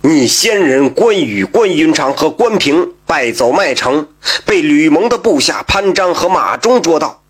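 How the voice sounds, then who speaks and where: A man voicing a stern, shrewd county magistrate who speaks in a measured, lowered voice in a told folk story. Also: very animated, breathy edge, heavily acted.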